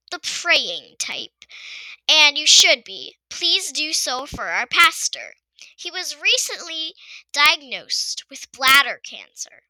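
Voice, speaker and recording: Bright, lively woman giving family news. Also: high-pitched, no room sound, poor audio. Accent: New York. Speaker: podcast host. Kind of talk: casual family update.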